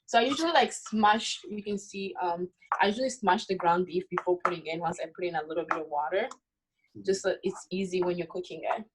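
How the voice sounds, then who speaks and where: A woman's voice: fairly low pitch, brisk, slightly rough, low-quality recording. A young woman from the Congo, a university student, chatting casually as she demonstrates a recipe, with many "like" and "um" fillers. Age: young adult. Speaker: cooking guest.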